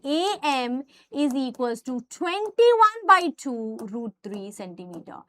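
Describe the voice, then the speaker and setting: A woman's voice: sits high, bright, forceful tone, dry recording, clean studio sound. A woman with a North Indian accent teaching maths, explaining step by step and emphatically putting questions straight to her students. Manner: emphatic, addresses students directly. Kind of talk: explanatory lesson with rhetorical questions.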